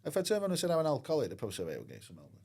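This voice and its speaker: His medium-pitched voice is gravelly and a little mellow, racing along with huge pitch swings. This middle-aged ex-footballer tells his story as an interview guest, candid and rambling, with frequent "I says" and "like."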